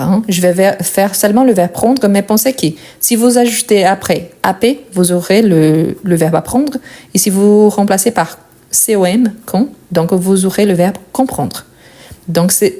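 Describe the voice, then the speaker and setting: Mellow-voiced woman teaching French. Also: mid-range voice. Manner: repeats each verb form slowly and clearly; checks in with "ok?" and "bien". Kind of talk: explaining conjugation.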